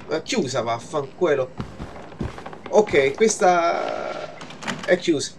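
A man's voice: high voice, background noise. Jumpy young man gaming. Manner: jumpy, swearing, muttering to himself, yelps in fright. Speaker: gaming channel host. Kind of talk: horror let's play commentary.

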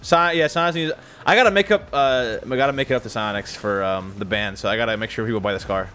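A young man chatting and joking with friends while playing an online game, teasing them and breaking into loud laughter. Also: medium pitch, fast. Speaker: gaming YouTuber. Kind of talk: casual chat while gaming.

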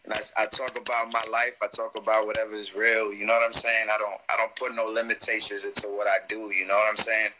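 A man's voice: on the low side, level tone, quick pace, few pauses, pushed and bright, rough recording. A man in his thirties from the Washington DC area, a rapper talking laid-back and streetwise as an interview guest over a live video call. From Washington DC / Maryland area, USA. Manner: laid-back, streetwise, uses "you know what I'm saying". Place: room at home, seated in gaming chair. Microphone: phone or webcam on a video call.

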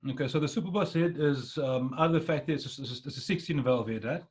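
A man's voice: a little high, fast, breathy edge. A man in his forties with a South African accent, chatting casually as a podcast host on a video call. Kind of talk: casual interview chat. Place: dim indoor room, video call.

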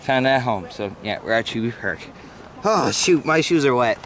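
A man's voice: medium pitch, animated, normal speed, fairly bright tone, slight background noise. A man vlogging at an outdoor park by the water, upset and complaining to his viewers. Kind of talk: casual vlog to camera.

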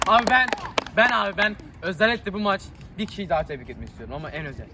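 A man's voice: high-pitched, big pitch swings, racing, background noise. A young man who played in the match, joking and teasing in casual post-match banter outdoors. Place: outdoor neighborhood pitch.

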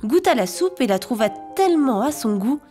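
Expressive woman reading a children's tale. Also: on the high side, moderate pace. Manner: clear, expressive, rhythmic reading. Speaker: narrator. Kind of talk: storybook narration for young children. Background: music.

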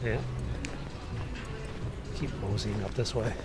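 A travel vlogger walks along a city street, musing aloud to himself in an offhand way as he chats casually with viewers. His fairly low voice is steady and slow, set against loud music and heavy traffic noise from the passing vehicles.

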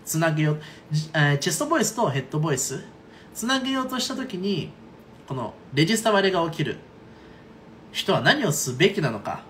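A man's voice: fairly high pitch, fairly bright tone, slight background noise. A man teaching singing in a casual online lesson, chatty and checking in often with his students. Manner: chatty, frequent "right?" and "okay?" check-ins. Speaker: voice coach.

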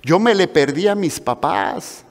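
A man preaching a sermon with a Mexican Spanish accent, telling stories in an animated way and acting out the voices of the people in them. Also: sits high, unhurried, vocal fry. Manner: animated storytelling with acted-out voices. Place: church hall. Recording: long reverb of a large hall.

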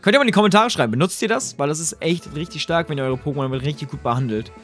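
A young man commentates his game in a slangy, excitable way and keeps turning to his viewers. His voice sits a little high, with faint music underneath. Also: very fast. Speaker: let's play host.

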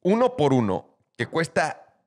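A man's voice: fairly high pitch, wildly swooping pitch, unhurried. Blunt Mexican man on a podcast. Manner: blunt, driven, slangy. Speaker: podcast co-host. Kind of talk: casual chat.

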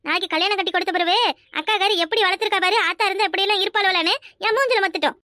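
A woman's voice: very high-pitched, very fast, sharp tone, dry recording, studio quality. Woman voicing a nagging village housewife. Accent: Kanyakumari Tamil. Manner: scolding, complaining. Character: nagging older sister, harried housewife.

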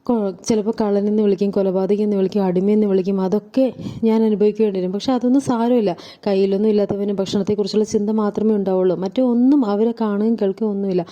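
A woman's voice: medium pitch, steady tone, dark tone, lo-fi sound. A woman vlogger retelling a TV serial in a casual, running storytelling way, with fillers along the way. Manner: rapid, running narration with fillers.

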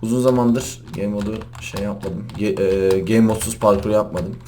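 A young man doing casual gaming commentary, excitable, often laughing and shouting as he plays. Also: fairly low pitch, moderate pace, a little hiss or hum. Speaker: gaming YouTuber. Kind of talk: casual Minecraft parkour commentary.

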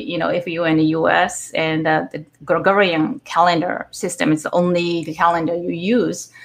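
A middle-aged Japanese woman, a native speaker with a Japanese accent, gives a chatty live-stream tech talk as a guest developer. Her voice is on the low side and gravelly, and she fills her speech with fillers and self-corrections. She joins over a video call from a room at home, using a webcam mic.

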